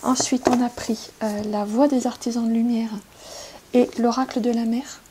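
Gentle, unhurried woman reading tarot. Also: on the high side, fairly even intonation, noisy background. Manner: gentle and unhurried, with many pauses. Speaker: tarot card reader.

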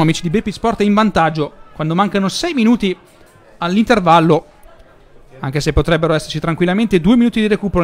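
A man with an Italian accent giving live football commentary, rising into excitement when chances come. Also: sits high.

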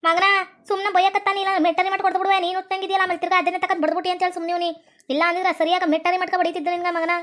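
A woman's voice: very high-pitched, flat delivery, very fast, fairly bright tone. A woman voicing a foul-mouthed old village grandmother in a comedy sketch, scolding and spitting insults.

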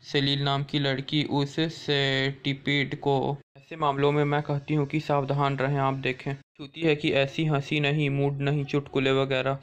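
Chatty young woman read by a man, monotone, middle pitch. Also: unhurried, few pauses, lightly acted. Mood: gossipy. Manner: reads the lines flatly in his own voice.

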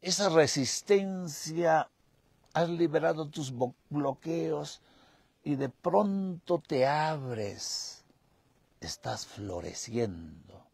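A man, a spiritual guide telling a parable slowly, with long pauses. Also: fairly high pitch, animated, gravelly, a little mellow, husky, no room sound. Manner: slow, drawn-out storytelling with pauses.

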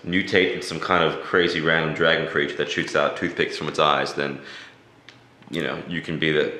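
A man's voice: extremely low pitch, a bit bright. A young man chatting casually and dryly to a handheld camera at home, with a sore, swollen jaw. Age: young adult. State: sore, swollen jaw after wisdom teeth removal. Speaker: vlogger. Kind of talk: casual rambling vlog chat. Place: at home, mostly living room and kitchen. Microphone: camera at arm's length. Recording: roomy handheld camera sound, faint noise.

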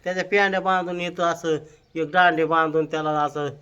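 A man's voice: on the high side, steady tone, brisk, pushed and bright, lo-fi sound. An older man, giving scolding, practical farm instructions to the family. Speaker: farming elder of the family.

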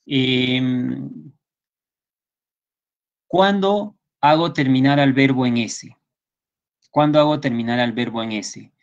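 A man's voice: medium pitch, slow pace, vocal fry, pauses often. A man teaching English in an online class, with a Peruvian Spanish accent, patiently repeating points and checking that students follow. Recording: slightly dull lo-fi sound.

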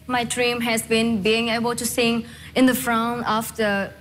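A woman's voice: a little high, little pitch movement, unhurried, a little hiss or hum. A nineteen-year-old woman from Vietnam, a native Vietnamese speaker, talking eagerly about her dream of singing, with simple phrasing. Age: young adult. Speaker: singing contestant. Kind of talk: casual interview.

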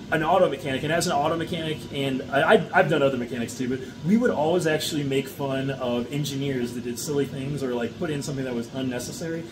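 A middle-aged man, a mushroom farmer, gives a casual how-to talk to the camera indoors, checking in often with "okay?" and "all right?". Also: mid-range voice. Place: indoor farm room with grow shelves. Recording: steady background noise.

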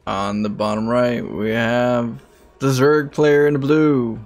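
A man's voice: medium pitch, fairly even intonation, slow pace, soft background music. A man casting a live strategy game match, breaking down builds analytically and joking with his co-caster. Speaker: esports caster.

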